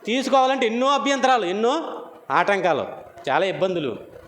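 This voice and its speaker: A man preaching a sermon. He repeats his phrases, swings between loud and soft, and keeps putting questions to his listeners. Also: high voice, big pitch swings, normal speed. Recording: echoey hall, faint room noise.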